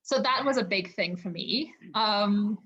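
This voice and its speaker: Her mid-range voice is husky and fairly bright, and she speaks unhurriedly, though the audio sounds dull. She's a Zimbabwean woman on a remote podcast call from home, giving an earnest, reflective interview peppered with "you know."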